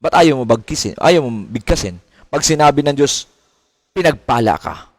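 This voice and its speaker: A man's voice: fairly high pitch, lively intonation, moderate pace, dry recording. A middle-aged man preaching a sermon as a pastor, asking questions and mimicking complaints. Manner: preaching with rising questions and mimicked complaints, mixing English phrases.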